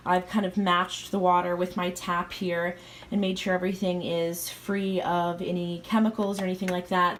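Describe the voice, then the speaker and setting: A woman narrating a casual home video about her fish tank in a chatty, excitable way, with giggles and self-corrections. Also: medium pitch, a little hiss or hum. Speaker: goldfish keeper vlogger.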